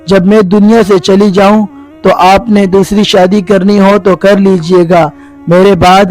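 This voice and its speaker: A man's voice: high-pitched, flat delivery, darkish tone, lightly acted. A man reading a dying mother's tearful farewell. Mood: tender. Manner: tearful, tender pleading. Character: grieving dying young mother, gentle and pious.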